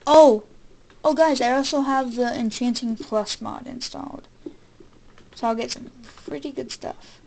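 A woman giving casual commentary over gameplay, chatty and excitable, talking straight to her viewers. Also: a little high, moderate pace. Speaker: gaming video creator.

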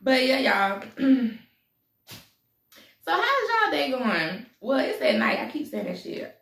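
A mukbang vlogger with a gravelly, high-pitched, fairly bright voice chats casually while eating, talking slowly with big pitch swings. She laughs between bites and makes lots of mm sounds, and her voice is a bit off-mic in an echoey room, with the mic distant.

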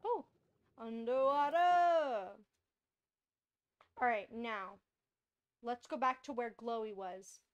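A woman's voice: a little high, unhurried, fairly bright tone, clean tone, lo-fi sound. A young woman streaming a video game, chatting casually and rambling, with frequent laughs. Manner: bubbly, rambling, laughs often. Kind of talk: casual gameplay chat.

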